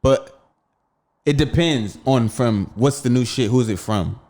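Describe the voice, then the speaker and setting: A man co-hosting a podcast in relaxed casual chat, swearing freely and explaining his views at length. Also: medium pitch, unhurried. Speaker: podcast co-host.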